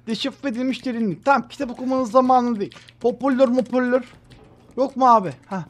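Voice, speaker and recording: A young man streaming gameplay, swinging between loud, profane outbursts and low mutters, and talking to his chat. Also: fairly even intonation, quick pace. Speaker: gaming streamer. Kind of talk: live gameplay commentary.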